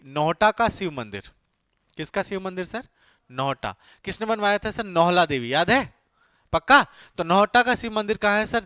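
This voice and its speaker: A man's voice: high voice, fairly bright tone, no echo, clean studio sound. A male teacher giving an exam-coaching lecture. He keeps asking his class questions and answering them himself, mixing English terms into his talk. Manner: mixes English terms into Hindi.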